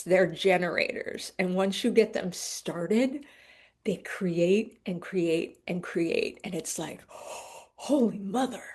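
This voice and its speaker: A middle-aged woman with vocal fry, chatting casually as an interview guest in a halting, wry way. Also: mid-range voice, darkish tone. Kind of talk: casual conversational interview answers.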